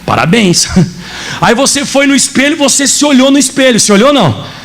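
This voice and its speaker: A man preaches in a strikingly high voice, racing through his testimony. His pitch leaps up and down as he acts out each exchange, and he shouts at the peaks. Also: brisk, vocal fry. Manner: animated storytelling, acting out dialogue. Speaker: pastor. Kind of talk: sermon with personal testimony.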